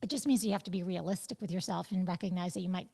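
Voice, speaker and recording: A woman in her fifties, a guest on a podcast, speaks reflectively and animatedly, stressing the thoughts she quotes. Her voice is on the low side, with vocal fry and a breathy edge, and she races along.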